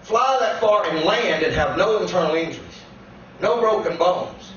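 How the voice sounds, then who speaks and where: A man preaching as a guest pastor. He tells a personal testimony that builds into shouted preaching. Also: high voice, normal speed, slight background noise. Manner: storytelling that climbs into shouted preaching. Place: church sanctuary. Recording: echoey church room, distant dull mic.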